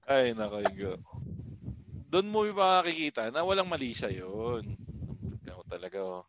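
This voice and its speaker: A man's voice: mid-range voice, big pitch swings, normal speed, fairly bright tone, highs cut off, slight background noise. A man co-hosting a podcast, bantering casually, teasing his friends and laughing often. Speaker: podcast co-host.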